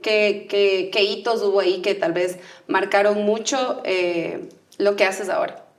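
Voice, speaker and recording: This is a woman co-hosting a casual interview. Her voice sits at a mid pitch. She asks questions in a chatty, encouraging way and adds quick affirmations. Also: fairly even intonation. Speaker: co-host.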